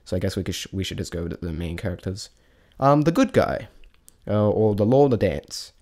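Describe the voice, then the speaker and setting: A man with a lowish, darkish voice speaks expressively at a moderate pace. He's a vlogger giving a casual, rambling review of a stage show, often restarting sentences and offering blunt, informal opinions.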